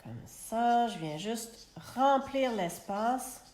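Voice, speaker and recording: Québécois woman, craft tutorial host, slow and chatty, roomy phone sound. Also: on the high side, animated, darkish tone. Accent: Québécois French. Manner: chatty, talks to herself while working. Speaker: host of a live card-making demonstration. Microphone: phone held in a clamp.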